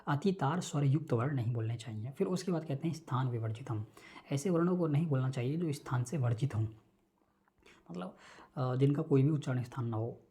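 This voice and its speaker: A man giving an online lecture, explaining each term slowly with many repetitions and check-ins. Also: medium pitch, warm tone. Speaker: Sanskrit teacher.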